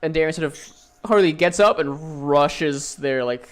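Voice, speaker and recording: A man's voice: a little high, moderate pace. A young man running a tabletop game as dungeon master, narrating with many fillers and restarts.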